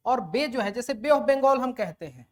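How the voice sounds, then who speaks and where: A woman's voice: a little high, expressive, normal speed. A woman teaching a lecture who asks her students questions and then answers them herself, mixing English terms into her explanations. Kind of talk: classroom lecture.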